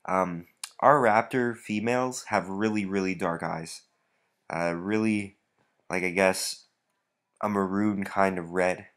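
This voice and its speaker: A reptile breeder with a somewhat low, stuffy-nosed voice rambles casually through a walkthrough vlog of his breeding rack. He's relaxed and fills his pauses with lots of "uh" and "um."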